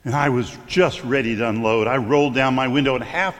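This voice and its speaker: A man's voice: medium pitch, a little fast, a bit bright. Man preaching in a reverberant hall. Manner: conversational storytelling with stumbles and fillers. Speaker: clergyman. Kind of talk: sermon.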